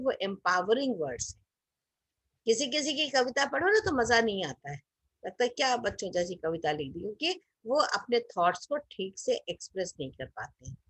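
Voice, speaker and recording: Bright-voiced woman teaching online. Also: fairly high pitch, no room sound. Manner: explains with everyday examples and questions the group. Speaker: teacher leading a group session. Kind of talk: interactive online class talk.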